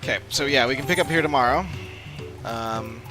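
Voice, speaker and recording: Speaking fairly quickly in a medium-pitched voice, a live streamer talks his way through an online role-playing game. His chat is casual and unscripted, a rambling think-aloud set against game music.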